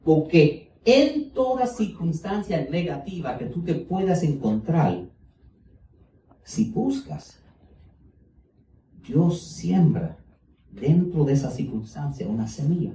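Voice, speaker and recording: A man's voice: a little high, very animated, takes it slowly, long pauses, dark tone. A man, a preacher giving a folksy, joking sermon in the manner of a teacher. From United States. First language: English. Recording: roomy, distant mic, faint background noise.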